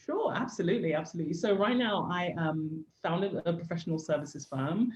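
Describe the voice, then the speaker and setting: A woman in her forties from Nigeria, who runs her own business, candidly recounts her life as a podcast guest, saying "literally" again and again with earnest feeling. Her fairly low voice is expressive, a little mellow, and fairly quick. A bit of hiss or hum sits under the dull, lo-fi audio from an echoey room.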